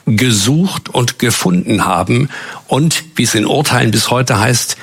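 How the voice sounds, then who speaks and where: A man's voice: mid-range voice, measured pace, breathy edge. A man speaking as a panel guest, explaining legal history in a lecturing way at a live discussion. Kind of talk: panel discussion before an audience.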